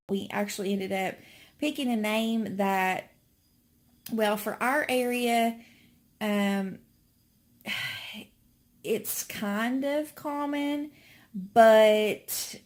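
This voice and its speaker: A young woman talks slowly and unhurriedly into her phone at home. She rambles in a friendly way with lots of fillers, slightly out of breath, her voice sitting at an ordinary mid pitch. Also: a little mellow. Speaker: vlogger. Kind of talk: casual chat to camera. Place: home indoors. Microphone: phone camera.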